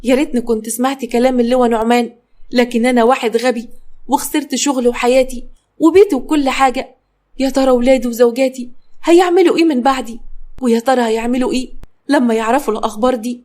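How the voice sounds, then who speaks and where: A woman's voice: a little high, steady tone, fast, a little mellow, natural voice. A woman voicing a disgraced male officer with an Egyptian accent, bewildered and self-reproaching. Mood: regretful.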